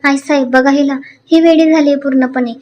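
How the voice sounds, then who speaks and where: A woman voicing a spoiled young rival who speaks shrilly and indignantly, in a high voice. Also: steady tone, normal speed, darkish tone, muffled recording, natural voice.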